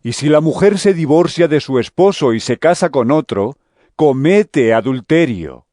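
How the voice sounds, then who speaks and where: An actor playing Jesus in an audio drama, a solemn, authoritative yet gentle male teacher speaking in measured phrases. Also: a little high, expressive, no room sound, clean studio sound. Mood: firm teaching.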